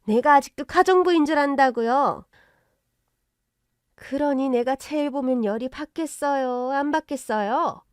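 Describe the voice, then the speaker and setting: A woman voicing a pushy, indignant middle-aged mother-in-law who rants loudly. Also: high voice, measured pace, no echo, clean studio sound, pitched above the performer's own voice. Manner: loud, indignant, ranting.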